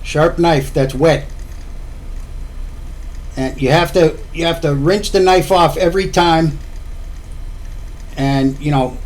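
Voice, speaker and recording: Chatty home cook rambling in a vlog. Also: male voice, on the high side, fairly even intonation, slow, pauses often, darkish tone. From Florida. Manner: rambling, chatty, repeats himself. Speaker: home cooking vlogger. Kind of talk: casual cooking talk to camera.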